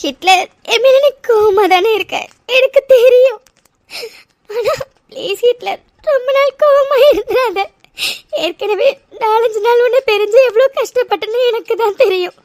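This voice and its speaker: Woman doing a sorry little young wife in a cartoon, squeaky high voice, weepy and pleading, dry close mic. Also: moderate pace, a little mellow, no echo. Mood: weepy apologetic. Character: remorseful young wife, sweet and clinging. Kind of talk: tearful cartoon drama voice acting.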